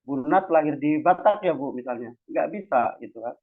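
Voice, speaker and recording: A man from Cilacap in Central Java, Indonesia, hosts an academic discussion and gives an informal, chatty, slangy lecture in a fairly high, expressive voice at a moderate pace. He keeps tacking on checking tags to make sure listeners follow. The audio is tinny, like an online phone call.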